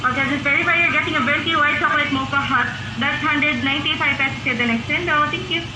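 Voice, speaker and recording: A high-pitched, fast-talking woman takes orders through a drive-thru intercom speaker. Her polite, scripted service phrasing sounds distant and echoey. Steady traffic noise runs behind her. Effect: heard through a drive-thru intercom speaker. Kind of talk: customer service order-taking. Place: outdoor drive-thru lane, recorded from inside a car.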